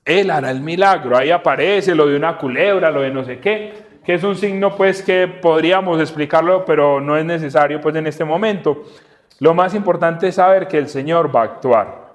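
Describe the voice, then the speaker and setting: A man teaching the Bible in a relaxed, conversational way, asking his listeners questions and acting out little scenes. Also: fairly high pitch, moderate pace. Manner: animated, asks the audience questions, acts out dialogue. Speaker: preacher and podcast host.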